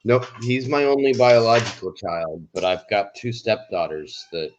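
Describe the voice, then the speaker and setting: A middle-aged man with a low-pitched voice chats casually as he hosts a livestream. His talk is informal and conversational. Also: normal speed, muffled recording, a little hiss or hum. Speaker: livestream host. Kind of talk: casual chat.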